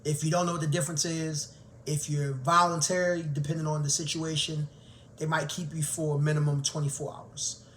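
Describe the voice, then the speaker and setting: A man's voice: on the high side, brisk, a little hiss or hum. A man, a teacher candidly telling his own story in a conversational way. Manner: candid, conversational, grows animated. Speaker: teacher and vlogger. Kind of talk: personal storytelling to camera.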